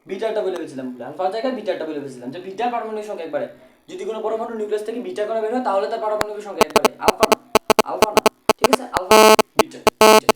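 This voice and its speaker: Fast-talking Bangladeshi Bengali tutor, echoey room. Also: male voice, high-pitched, slight background noise. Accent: Bangladeshi Bengali, colloquial. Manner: repeats phrases, asks and answers own questions. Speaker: physics tutor. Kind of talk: exam-prep physics lesson.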